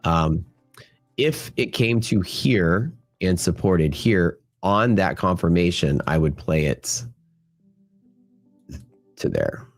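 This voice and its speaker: A low-voiced man hosts a live futures trading stream and chats loosely with his viewers, his voice worn and nasal from a cold. His intonation is lively, but he takes it slowly, with long pauses and lots of filler. Soft music plays in the background during this casual market commentary.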